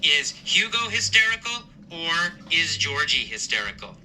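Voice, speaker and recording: A male teacher telling a story as a lesson, asking simple questions and answering them himself, slowly and with emphasis. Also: a little high, sing-song, bright, forceful tone, a little hiss or hum, poor audio. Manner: slow, repetitive, emphatic questioning. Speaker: English teacher.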